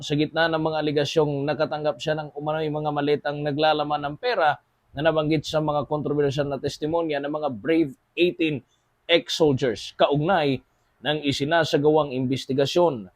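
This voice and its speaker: A man's voice: on the high side, dry recording. A man with a Filipino accent giving casual news commentary as a show host, constantly addressing his audience and using many fillers.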